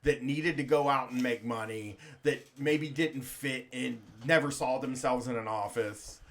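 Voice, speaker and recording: A man's voice: mid-range voice, measured pace, fairly bright tone. A man co-hosting a casual podcast, rambling loosely, laughing often and reading listener comments aloud. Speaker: podcast co-host. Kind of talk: casual chat.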